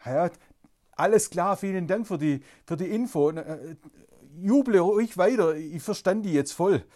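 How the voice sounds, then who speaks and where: A storyteller tells a Bible story as an eyewitness, stammering with excitement and asking question after question. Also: medium pitch, unhurried. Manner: excited, stammering, asks many wondering questions.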